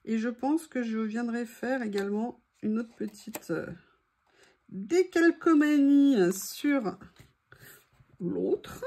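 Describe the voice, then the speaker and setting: A woman's voice: a little high, slow, warm tone. A woman hosting a craft tutorial, chatting to viewers as she works and laughing at her own mistakes. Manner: self-mocking, laughs at her own mishaps, talks to viewers. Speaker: craft video host.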